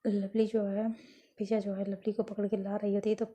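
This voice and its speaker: A woman's voice: medium pitch, little pitch movement, moderate pace, warm tone. A woman telling a school romance story in a casual spoken way, retelling each character's lines with "so she says" and frequent restarts.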